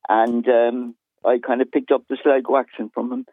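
A man's voice: medium pitch, level tone, moderate pace. A man with a Cork Irish accent calling a radio phone-in, explaining his opinion conversationally and articulately over the phone. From Cork, Ireland. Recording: phone line to radio show.

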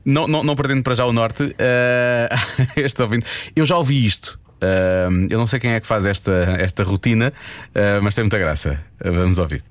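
A man's voice: medium pitch, fairly quick, dry recording. A man hosting a radio show in a casual, hesitant way, full of fillers. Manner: laughing, loose and hesitant, with many fillers.

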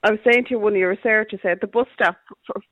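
A man's voice: high voice, fairly even intonation, fast, no room sound. A middle-aged man with a Dublin accent chats casually as a caller to a radio phone-in, on a tinny line. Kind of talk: casual chat.

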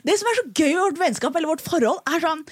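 Young woman comic, high and lively voice, dry close sound, podcast chat. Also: dry recording. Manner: animated storytelling with laughs. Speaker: comedian guest.

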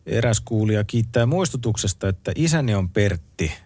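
Low-voiced male radio co-host, dry studio. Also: lively intonation, darkish tone, dry recording. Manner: easygoing, reads listener messages aloud. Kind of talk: casual late-night radio chat. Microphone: close studio microphone.

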